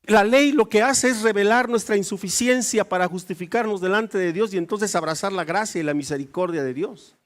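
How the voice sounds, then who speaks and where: A man's voice: sits high, brisk. A male pastor preaching a sermon, acting out little dialogues with shifting voices.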